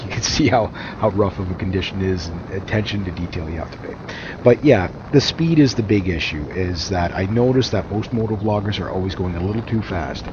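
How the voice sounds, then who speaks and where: Man, motovlogger, muffled dull sound from inside a helmet, noticeable vehicle noise, casual rambling talk, repeats words. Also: on the low side. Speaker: motorcycle vlogger.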